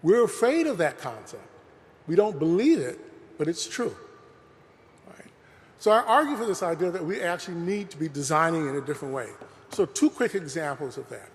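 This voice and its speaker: Very animated and pitched on the high side, the man presents his talk at a moderate pace. He sounds earnest and conversational, sprinkling in "you know" frequently. The recording carries the long reverb of a spacious museum hall.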